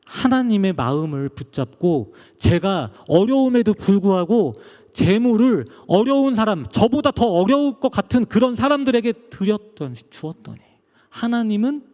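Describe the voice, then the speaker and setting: A man's voice: high voice, very animated, normal speed, a little mellow, long reverb tail. A middle-aged male pastor giving an emotional testimony sermon, his delivery rising and falling.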